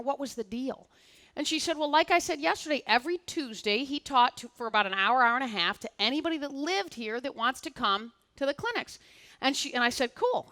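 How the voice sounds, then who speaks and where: A middle-aged woman tells a story from a conference stage. Her voice is bright and a touch high. She acts out both sides of the conversation with animated energy. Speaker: keynote speaker. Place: conference stage before an audience.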